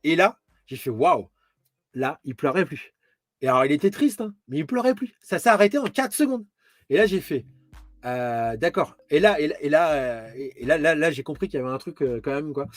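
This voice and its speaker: A man's voice: a little high, animated, a little fast, no room sound, clean studio sound. A man hosting a casual live stream from home, rambling and chatty as he speaks straight to the viewer. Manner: rambling, chatty, addresses viewer as tu, frequent restarts.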